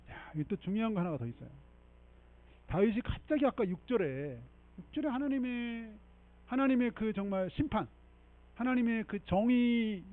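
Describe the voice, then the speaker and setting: A man preaching a sermon as pastor, animated and emphatic, often checking in with the congregation and leading them in reading scripture. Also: high-pitched, phone-quality sound. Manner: animated preaching with frequent rhetorical 'eung?' checks. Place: church sanctuary.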